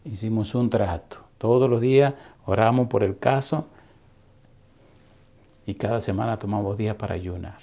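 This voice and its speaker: A middle-aged man preaching a sermon, telling a story slowly and deliberately with long dramatic pauses. His voice is low-pitched and warm, mellow rather than bright. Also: gravelly. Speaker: pastor.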